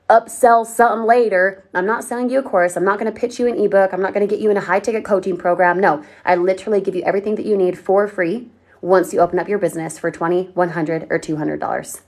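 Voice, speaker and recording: A woman from Colorado hosting a livestream, giving an upbeat, persuasive sales pitch and answering viewers' comments directly. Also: fairly even intonation, fast, darkish tone. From Colorado, USA. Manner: upbeat, persuasive, talks straight to viewers and reads their comments. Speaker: online marketing livestream host.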